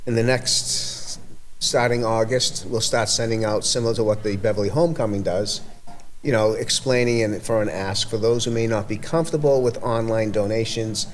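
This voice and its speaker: This community event organizer, whose accent is from Everett, Massachusetts, has a fairly low pitch and fairly even intonation. He rambles in a casual podcast chat, halting and restarting a lot, with a little hiss or hum in the recording.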